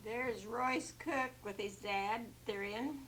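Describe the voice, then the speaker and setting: A woman's voice: fairly high pitch, slow pace, fairly bright tone. Older woman reminiscing over some noise. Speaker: family member narrating old home movies. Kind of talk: casual reminiscing commentary. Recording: home recording with background noise.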